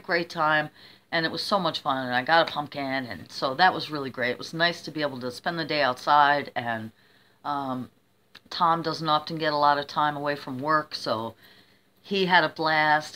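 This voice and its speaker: A woman's voice: low voice, a bit bright. A middle-aged woman with a mild cold, sounding a bit under the weather as she rambles casually to her viewers, often interrupting herself. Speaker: vlogger.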